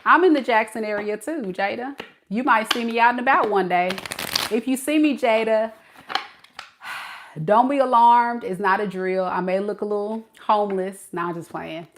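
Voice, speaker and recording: A woman's voice: medium pitch, moderate pace, slight background noise. A woman from California whose speech carries some Mississippi dialect, chatting casually with her live-stream viewers and laughing often. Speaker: tarot reader reading live chat.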